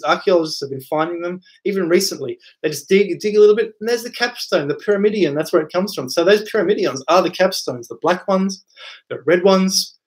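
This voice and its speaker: A man with a fairly high voice hosts a casual live stream from home. He reads viewer questions out loud from the chat and answers them off the cuff. He rambles, repeating words and dropping in fillers.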